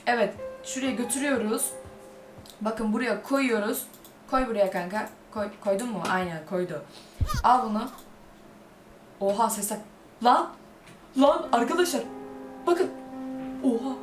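A woman giving casual let's-play commentary as a gaming YouTuber, jumpy and quick to shriek when startled. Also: on the high side, lively intonation. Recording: echoey room with loud game music.

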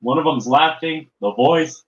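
A man's voice: on the high side, a little slow, muffled recording. A young man co-hosting a livestream, chatting in an eager, rambling way. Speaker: livestream co-host. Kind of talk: casual livestream chat.

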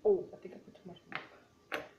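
A young woman from a Mexican family chatting casually while cooking, full of "like" and "dude" and quick to say "ew". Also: lo-fi sound, background noise. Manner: chatty and easily grossed out, lots of "like" and "dude". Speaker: vlogger. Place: dim home kitchen.

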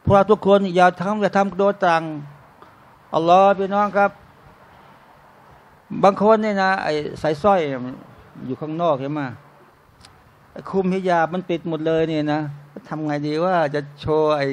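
Speaking at a normal speed with frequent pauses, a high-pitched Islamic religious teacher holds a casual sermon before a live audience in a restaurant turned talk venue. He repeatedly says brothers and sisters, asks rhetorical questions, and drifts into little comic everyday sketches.

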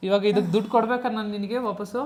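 A man's voice: high voice, steady tone, racing. Jokey man vlogging at home. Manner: jokey, mixes in English phrases, chuckles. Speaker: vlogger, husband receiving a gift. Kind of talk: casual home vlog chat. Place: at home indoors.

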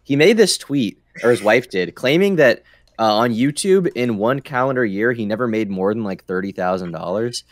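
A young man chatting on a panel, excitable and incredulous, saying "like" constantly. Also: medium pitch, moderate pace, no echo. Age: young adult. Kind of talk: casual podcast panel chat.

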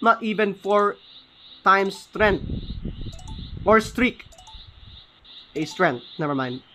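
Excited young-sounding gaming host. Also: male voice, sits high, slow, slight background noise. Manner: excited, often corrects himself mid-sentence. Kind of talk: casual gameplay commentary.

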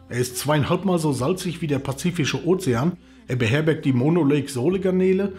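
Indoors in a living room, a travel channel host in his forties reads scripted narration to the camera. His voice is a little high and a little mellow, and music plays in the background.

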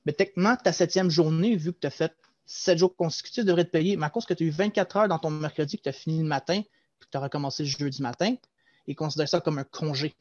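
Animated young Québécois man on a headset. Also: fairly high pitch, quick pace. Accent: Québécois French. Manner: animated, explanatory, gestures while talking. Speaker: guest, former loss-prevention agent. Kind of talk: casual interview over video call. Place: small room at home. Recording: dull lo-fi video call audio.

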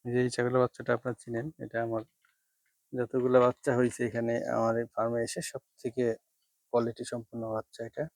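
A man who runs a goat farm, giving a casual walking tour of his shed and speaking quietly so he does not wake the goats. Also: medium pitch, completely flat delivery, fast, no echo. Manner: speaks softly to avoid waking the goats.

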